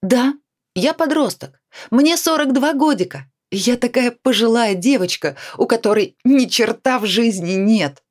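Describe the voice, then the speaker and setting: Reading a storybook, a woman voices a drunk, despairing 42-year-old woman who whines and pleads defensively, full of self-pity. Her own delivery is high-ish and pushed up, a little slow, with lively intonation.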